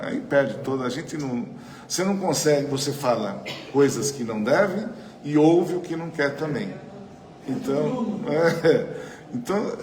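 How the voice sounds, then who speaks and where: A man's voice: on the high side, darkish tone. A man with a Brazilian Portuguese accent leading a spiritual study group, talking conversationally into a microphone and often asking the room questions. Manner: chatty, asks the audience questions, frequent tag questions. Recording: roomy hall with faint noise.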